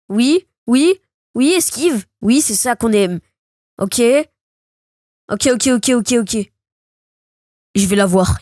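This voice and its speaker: Excitable female gamer, high-pitched and chatty, dry sound. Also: dry recording. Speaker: gaming video creator. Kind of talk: game commentary.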